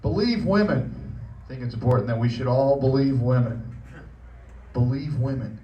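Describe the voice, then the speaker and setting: On a comedy club stage, a forty-year-old Japanese man performs crude, self-deprecating stand-up in a mid-range voice at a moderate pace. The live recording is lo-fi and echoey, taken from a distant mic, with the crowd and background noise audible.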